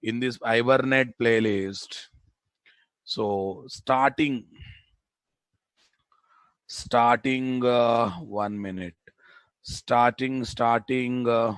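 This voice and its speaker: Male programming instructor, Telugu Indian accent, dry sound, mid-pitched, informal, repetitive lecturing with self-answered questions. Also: steady tone, drawn-out words, pauses often, fairly bright tone, clean tone, dry recording. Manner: repeats phrases for emphasis, asks and answers own questions; informal, addresses students as boss. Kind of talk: live technical lecture.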